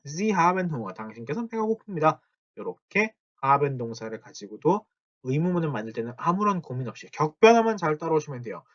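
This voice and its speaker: A man teaching a German grammar lesson, drawing out German example sentences slowly between explanations. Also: fairly high pitch, fairly bright tone, muffled recording. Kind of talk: spoken grammar lesson at a whiteboard.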